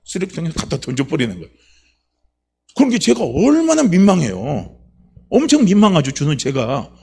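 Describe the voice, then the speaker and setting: Husky-voiced male pastor preaching emphatically. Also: fairly high pitch, wildly swooping pitch, normal speed, a little mellow. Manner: emphatic call-and-response preaching, repeating questions to the congregation. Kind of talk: sermon.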